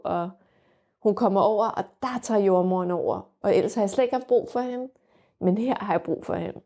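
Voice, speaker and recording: Candid young woman with a mellow voice. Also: medium pitch. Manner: vivid, frank and reflective, with frequent fillers. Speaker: mother telling her birth story. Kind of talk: candid personal storytelling.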